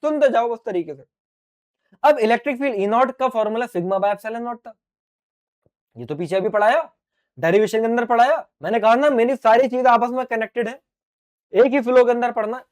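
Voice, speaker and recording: A middle-aged man with a high voice teaches physics to exam students in an online lecture, lively and playful, calling viewers his dear children and answering his own questions as a student would. He speaks at a moderate pace with long pauses. His throat is getting sore from so much talking.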